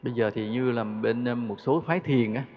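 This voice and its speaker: Buddhist teacher, chatty dharma talk, muffled lo-fi sound with long hall echo. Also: male voice, medium pitch, brisk, slight background noise. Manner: conversational, rhetorical questions, chuckles. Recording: dull lo-fi recording with long hall reverb.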